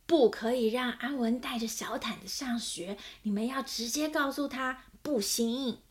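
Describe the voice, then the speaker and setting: 一位女性扮演一位爱管闲事、指手画脚的邻居阿姨。. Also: female voice, on the high side, unhurried, lightly acted. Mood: bossy. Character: nosy, bossy neighbor lady.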